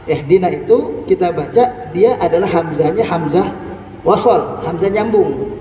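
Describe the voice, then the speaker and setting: A middle-aged religious teacher with a fairly high voice, explaining recitation rules patiently and chanting example verses slowly. He sounds far from the microphone in a large, long-echoing hall, and the recording is muffled and lo-fi. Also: lively intonation, a little hiss or hum. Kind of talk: morning study lecture on Quran recitation. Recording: echoey hall, distant lo-fi mic.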